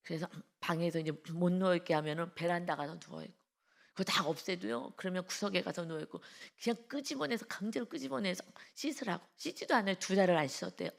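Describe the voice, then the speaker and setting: A woman's voice: fairly low pitch, quick pace, creaky. A woman pastor giving an early-morning devotional sermon, telling a story in a conversational way and speaking directly to the congregation. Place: church.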